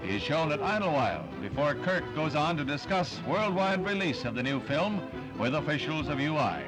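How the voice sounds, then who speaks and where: A man's voice: fairly high pitch, big pitch swings, moderate pace, rough recording. A man reading scripted old newsreel narration in a showy, declamatory announcer manner over music. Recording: vintage newsreel soundtrack under loud music.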